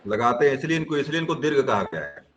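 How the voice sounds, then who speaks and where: A man's voice: medium pitch, big pitch swings, fast talker, a bit bright, a little hiss or hum, poor audio. A man teaching grammar in an online class, explaining step by step and often checking whether students have understood.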